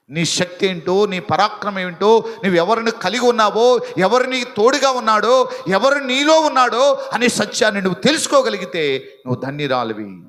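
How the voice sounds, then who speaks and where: Bright-voiced pastor preaching in a reverberant hall. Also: male voice, high voice. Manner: preaching with rising intensity and repetition; teasing the congregation about sleeping. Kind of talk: sermon. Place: church hall with live congregation.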